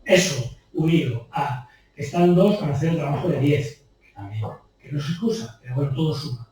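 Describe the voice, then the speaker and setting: An animated Spanish copy editor speaks a little fast in a slightly high, darkish voice during an informal bookshop talk, telling anecdotes and adding rhetorical questions. The event room recording is distant and very echoey, with slight background noise.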